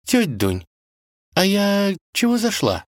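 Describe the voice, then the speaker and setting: A man's voice: sits high, a little slow, no echo, clean studio sound, pitched above the performer's own voice, full character voice. A man voicing a playful, mischievous young princess with a wheedling manner. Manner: wheedling, lively.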